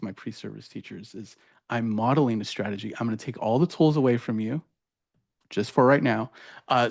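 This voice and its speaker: A man's voice: mid-range voice, darkish tone. Casual man presenter at an education workshop, chatty and loose, keeps asking "right?". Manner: casual, filler-heavy, says "right?" often. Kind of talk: conference workshop demo.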